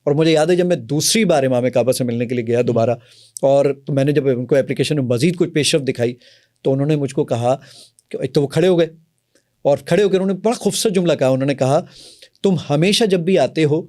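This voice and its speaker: A man's voice: on the high side, darkish tone. Eager Pakistani founder explaining his app. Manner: eager, explanatory, often agreeing emphatically. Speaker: app founder and software company owner. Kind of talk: interview, demonstrating an app.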